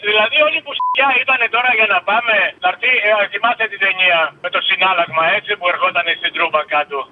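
A man's voice: high voice, fairly even intonation, soft background music. A man calling into a radio show, ranting with crude insults. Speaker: caller. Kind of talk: casual phone-in chat. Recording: tinny phone line.

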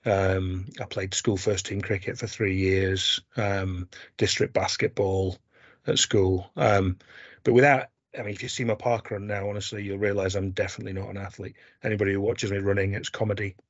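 A man's voice: sits low, little pitch movement, moderate pace, no room sound, highs cut off. A man, chatting as an interview guest in a self-deprecating way, with many ums and restarts. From South Yorkshire, England. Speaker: guest, sports medicine doctor. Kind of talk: casual interview chat.

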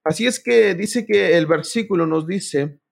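Male preacher, slightly high voice, storytelling sermon that speaks right to the listeners. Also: measured pace, creaky. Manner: storytelling, addresses listeners directly; reads scripture aloud.

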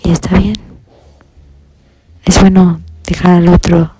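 A woman on a podcast who speaks slowly and solemnly in a philosophical, musing way. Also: on the low side, little pitch movement, dark tone, breathy edge, dry recording. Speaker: podcast co-host. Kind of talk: reflective musing.

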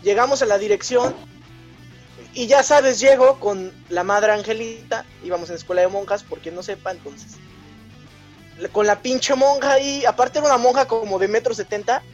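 A young man with a Mexican accent tells an embarrassing school story in crude, slang-filled casual chat. His voice sits high, and he slips into the voices of the people in it. Faint guitar music plays behind him. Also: moderate pace, muffled recording. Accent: Mexican Spanish. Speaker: podcast co-host.

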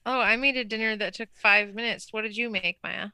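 A woman co-hosts a podcast in an easygoing, animated chat. Her voice is slightly high, bright and clear, recorded close and dry with no room sound. She laughs often as she talks. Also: brisk, no room sound. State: just back from a hard workout class. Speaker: podcast co-host. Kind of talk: casual chat.

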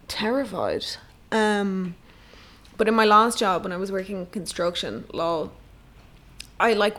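A woman talks through a solo podcast, loose and sweary, piling on fillers as she rambles. Her pitch sits in an ordinary middle range. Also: fairly bright tone. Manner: chatty, sweary, rambling with lots of "like". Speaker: podcast host. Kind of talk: casual solo podcast chat.

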